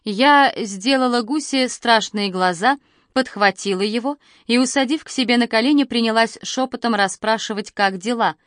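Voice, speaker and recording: A woman's voice: a little high, normal speed, no echo. Woman narrating an audiobook, dry close sound. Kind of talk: first-person audiobook narration.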